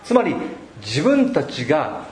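A man preaching a sermon as pastor, measured and reflective, pausing often between thoughts. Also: on the high side, huge pitch swings, a little mellow, a little hiss or hum. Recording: echoey room.

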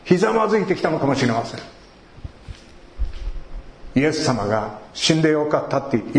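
A male pastor preaching a sermon in a conversational way, asking rhetorical questions and rising sharply in pitch for emphasis. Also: vocal fry, darkish tone. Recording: echoey room.

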